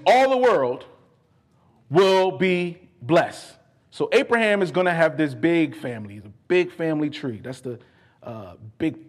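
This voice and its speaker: A man preaching a sermon, fervent and emphatic, repeating key phrases for weight and moving between quieter earnest asides and raised declarations. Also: medium pitch, husky. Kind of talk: sermon with scripture exposition.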